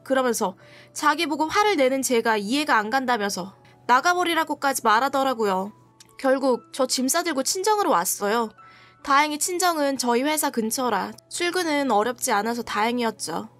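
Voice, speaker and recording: A high-pitched woman tells a first-person story, speaking casually and sounding aggrieved. Soft music plays quietly under her voice. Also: lively intonation, moderate pace. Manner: conversational, aggrieved retelling.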